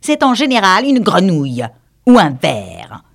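A woman's voice: mid-range voice, wildly swooping pitch, a little slow, vocal fry, pitched above the performer's own voice, heavily acted. A woman voicing a blunt, literal-minded duck in an audiobook reading. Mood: matter-of-fact. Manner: matter-of-fact, literal.

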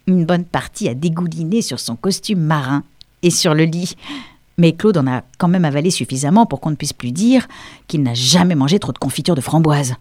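A woman's voice: low-pitched, lively intonation, normal speed, a little mellow, no room sound. A woman voicing a precocious, self-assured English schoolgirl who speaks in a prim, articulate way, in an audiobook reading.

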